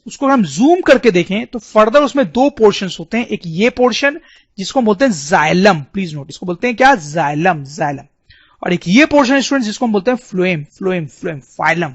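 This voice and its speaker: A man's voice: high voice, dry recording. A man teaching a biology lesson over diagrams, often repeating key terms and calling on the students. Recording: dull, dry lo-fi sound.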